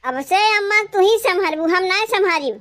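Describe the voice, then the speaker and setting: A woman's voice: very high-pitched, animated, moderate pace, fairly bright tone, faint music behind. A woman voicing quarrelsome young village daughters-in-law with an Awadhi accent, taunting and bickering.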